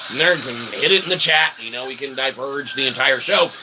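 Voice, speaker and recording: A brisk, medium-pitched man hosts an improvised livestream against a noisy background. Rambling to viewers, he uses wordy, mock-formal, roundabout phrases with frequent "okay" and "right" tags, plus theatrical playful asides.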